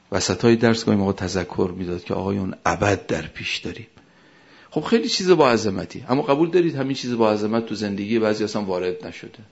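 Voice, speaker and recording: A low, gravelly male voice delivering a sermon, leaning hard on key words, then falling back and going quiet. The recording sounds dull and lo-fi. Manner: emphatic, rises and falls sharply in loudness. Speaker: cleric.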